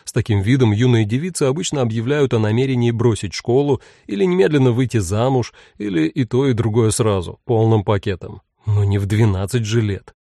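A man reading an audiobook, telling the story in an expressive and ironic way. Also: medium pitch, brisk, vocal fry, few pauses, no echo, studio quality. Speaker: narrator. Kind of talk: audiobook narration.

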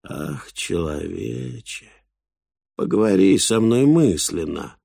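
A man voicing a wild talking boar that struggles for words, with a low, monotone, nasal drawl and a very slow pace. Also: vocal fry, no echo, studio quality, heavily acted. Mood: droning. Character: wild boar that speaks haltingly, strange and slow.

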